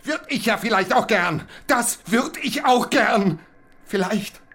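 A man's voice: sits high, lively intonation, slow, sharp tone, full character voice. An actor playing a lonely, anxious young man who talks to an imagined inspector and breaks into pained groans. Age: young adult. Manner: anxious monologue, groaning in pain.

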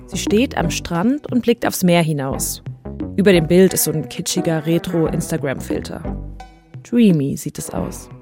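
Background music runs beneath a female podcast host as she narrates a scripted story conversationally. She speaks in a fairly low pitch, very animated and unhurried.

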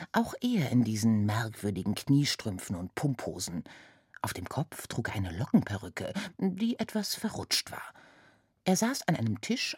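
A woman narrates a children's adventure story with an expressive, lively reading. Her voice is strikingly low and husky with a lot of melodic movement, recorded close and dry. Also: dry recording.

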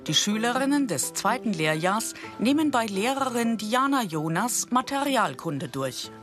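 A woman reading a scripted documentary narration in a calm, informative manner. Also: on the high side, measured pace, faint music behind.

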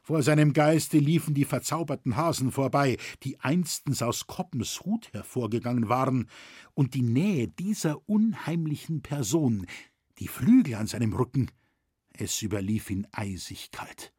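A man reading a novel aloud as narrator, with expressive storytelling. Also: mid-range voice, unhurried, breathy edge, dry recording, clean studio sound. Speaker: audiobook narrator.

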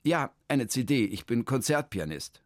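A man's voice: medium pitch, big pitch swings, normal speed, no room sound, studio quality, pitched above the performer's own voice, close to an everyday voice. A man voicing a flustered, stammering male concert pianist in a children's story. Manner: hesitant, stammering.

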